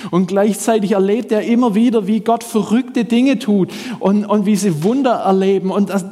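Man, preacher, high-pitched voice, conversational sermon, long echoing hall reverb. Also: darkish tone. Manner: conversational, addresses the congregation directly.

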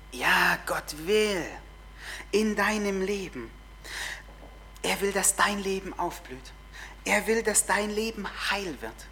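Earnest German-speaking woman preaching. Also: medium pitch. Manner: earnest, repetitive emphasis, drops to a soft whisper at times. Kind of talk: sermon.

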